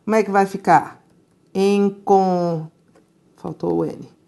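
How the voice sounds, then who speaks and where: A woman teaching a grammar lesson, speaking deliberately and putting rhetorical questions to the class. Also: medium pitch, fairly even intonation, creaky, dark tone.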